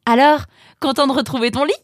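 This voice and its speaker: A man's voice: extremely high pitch, fairly even intonation, dry recording, studio quality, voice pushed up. A man voicing a chirpy, chatty young girl in a storybook. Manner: chatty, quick. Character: chirpy girl, the boy's sister.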